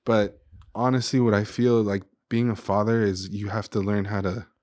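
A young man with a low voice talks in a casual, sentimental way, often circling back with "like" and "you know". The sound is close and dry, with almost no room echo. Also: flat delivery, moderate pace, darkish tone. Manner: sentimental, talks openly about his feelings. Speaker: podcast guest, chef and restaurant owner. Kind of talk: casual conversation. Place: living room in a home.

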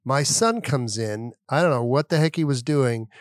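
A man's voice: medium pitch, moderate pace, dry recording, studio quality. A middle-aged man co-hosting a podcast, telling a funny family story in a joking, playful way. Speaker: podcast co-host. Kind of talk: casual storytelling.

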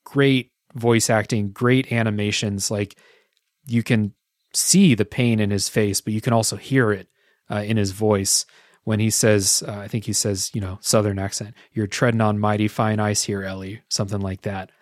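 A man's voice: fairly low pitch, steady tone, moderate pace, dry recording, clean studio sound. A man hosting a podcast, chatting casually about a video game in a reflective, matter-of-fact way.

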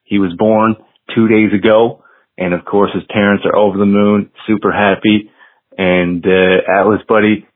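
A man from Newfoundland, Canada, leaving an easygoing, casual voicemail message over a landline phone. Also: on the low side. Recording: tinny phone-line voicemail.

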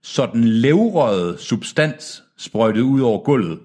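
A man's voice: medium pitch, very animated, darkish tone, breathy edge. A man reading a novel aloud to friends and breaking off for jokes and laughter. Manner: laughing, joking asides. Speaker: reader and co-host.

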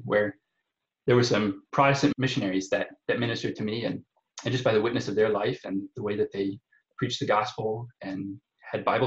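A man from Nebraska talking conversationally as a podcast guest, in a halting way, repeating words as he goes. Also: lowish voice. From Omaha area, Nebraska. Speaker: podcast guest, parish evangelization coordinator. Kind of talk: conversational personal testimony. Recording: slightly dull, roomy sound.

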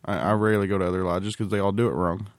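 A podcast host with a fairly low voice banters casually, teasing his companions and acting like the wronged one. He speaks at a racing pace with fairly even intonation, and the recording is close and dry with no echo.

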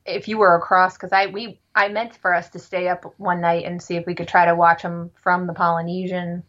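A woman chatting casually about a family trip, quick to jump in and finish sentences. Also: on the low side, level tone, fairly bright tone. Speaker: parent recounting a trip. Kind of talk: casual chat. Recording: dull lo-fi sound.

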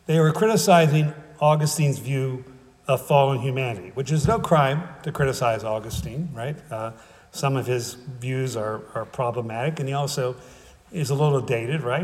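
Conversational preacher in a reverberant hall. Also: male voice, mid-range voice. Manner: conversational, often adds "right?" and "okay?"; wry humor. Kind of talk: sermon.

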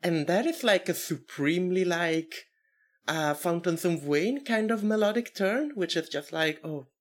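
Fairly low and unhurried, this twenty-something woman's voice fills a laid-back podcast chat about records. As co-host she teases and circles through her thoughts hesitantly, out loud.

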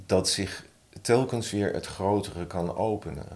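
A man, a podcast guest who is a publisher and poet, talking thoughtfully and reading his own poem slowly. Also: low-pitched. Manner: slow, thoughtful, reads his own poem softly and deliberately. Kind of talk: conversational interview with a slow poetry reading.

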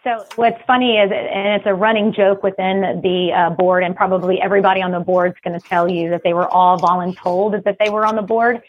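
A woman from the Philippines, raised in Texas, talking quickly and chattily as an interview guest, laughing often. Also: mid-range voice, steady tone, no room sound, dull audio. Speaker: guest, business services rep. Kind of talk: casual interview.

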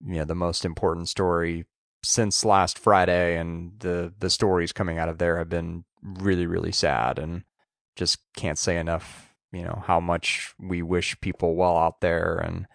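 Deep, creaky-voiced man, dry sound. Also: level tone, a little slow, no echo. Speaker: podcast co-host. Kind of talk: casual podcast chat.

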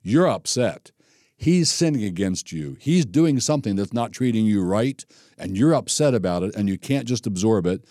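A man's voice: lowish voice, moderate pace, no echo, clean studio sound. A male pastor teaching a sermon in a conversational way, acting out the scripture and the people he quotes. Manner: conversational, animated, acts out scripture and quoted speech.

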